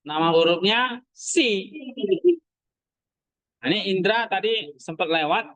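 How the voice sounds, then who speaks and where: A man's voice: high-pitched, takes it slowly, sharp tone, no room sound, highs cut off. A man teaching a class, asking his students short questions as he goes. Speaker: Greek language teacher. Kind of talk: classroom lesson.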